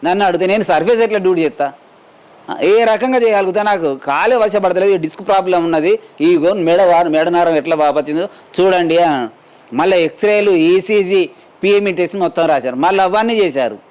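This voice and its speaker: In testimony for a news camera, a middle-aged mine worker from Telangana, India, describes being injured, speaking fairly quickly in a high-pitched, darkish voice. He tells the interviewer his story plainly and loosely, quoting those he encountered.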